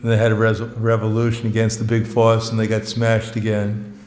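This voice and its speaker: A man preaches casually as a guest monk in a temple hall, the sound echoing around him. Plainspoken and self-mocking, he jokes and often chuckles between phrases, his lowish, slightly mellow voice monotone at a normal speed.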